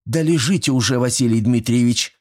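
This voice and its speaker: A man voicing a strict, brisk young village medic woman who scolds in a stern way. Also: medium pitch, a little mellow, pitched above the performer's own voice, close to an everyday voice.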